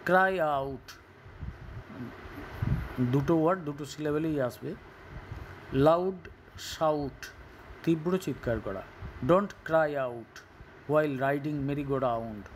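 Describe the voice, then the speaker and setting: A Bengali-accented male teacher working through a textbook page for students, his pitch sitting a little high. He talks in an unhurried, drawn-out way, with a faint hiss behind the voice. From West Bengal, India. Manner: explains word meanings slowly, mixing English and Bengali. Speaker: school English teacher. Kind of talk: recorded online class lesson.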